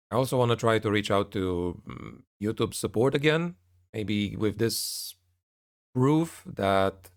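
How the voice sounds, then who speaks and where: A man speaking casually to his viewers as a channel creator, in a hesitant, rambling, somewhat frustrated way. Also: medium pitch. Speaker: YouTube narrator and channel creator. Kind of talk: casual spoken update to viewers.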